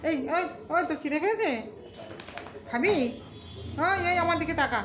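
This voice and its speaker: A woman's voice: very high voice, lively intonation, moderate pace. A woman talking casually to her pet dog, coaxing and scolding it in a sing-song voice. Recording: echoey room with clear background noise.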